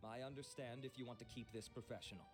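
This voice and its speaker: A man's voice: mid-range voice, fairly even intonation, fast talker, close to an everyday voice. An actor playing a suave, courteous skincare maker in a video game, polished and salesman-like, with game music behind. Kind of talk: video game character dialogue. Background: game soundtrack.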